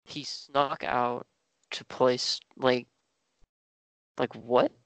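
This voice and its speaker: Gravelly sarcastic podcast guy. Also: mid-range voice, little pitch movement, drawn-out words, fairly bright tone, no room sound. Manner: sarcastic, swears, teasing interjections. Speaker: podcast co-host. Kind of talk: casual chat.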